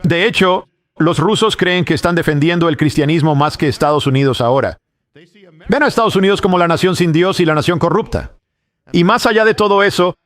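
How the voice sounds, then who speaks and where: A man delivering a sermon-style Bible lesson, his voice sitting a little higher than most men's. He reasons through each point in a measured, explanatory way. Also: fairly bright tone. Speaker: Bible teacher. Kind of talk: sermon teaching on prophecy.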